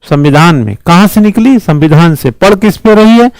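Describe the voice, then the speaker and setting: A man's voice: sits high, expressive, normal speed, dry recording, poor audio. A man teaching a civil services exam class, lecturing emphatically with rhetorical questions and repeated phrases.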